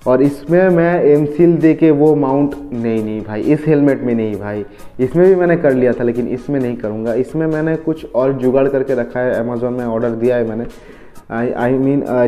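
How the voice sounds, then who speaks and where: A young man with a hoarse, coughing voice chats casually to viewers in a motorcycle vlog. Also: medium pitch, warm tone. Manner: chatty, addresses viewers as guys. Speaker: motovlogger.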